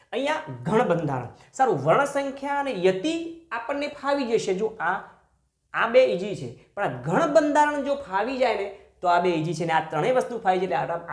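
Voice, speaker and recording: A male teacher giving a grammar lesson, earnest and emphatic, who keeps addressing his listeners as friends. His voice swings from soft, low asides up to high, stressed points. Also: reverberant.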